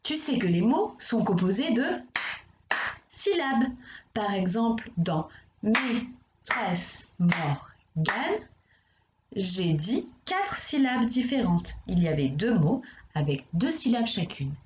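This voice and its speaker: A woman primary school teacher talking a young child through exercises in a recorded lesson, with slow, careful enunciation. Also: medium pitch, sing-song, background noise. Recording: echoey room.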